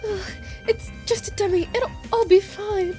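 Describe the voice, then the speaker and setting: A woman voicing a frightened young woman character in a game, shaky and strained in a high voice. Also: fairly even intonation, moderate pace, mellow, soft background music. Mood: distraught. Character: anxious young woman in shock.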